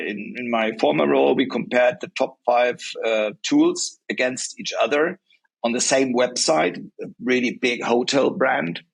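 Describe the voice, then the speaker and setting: A man's voice: medium pitch, vocal fry, rough recording. Man explaining, tagging "right?" often. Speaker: guest, software company regional director. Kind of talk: casual interview talk.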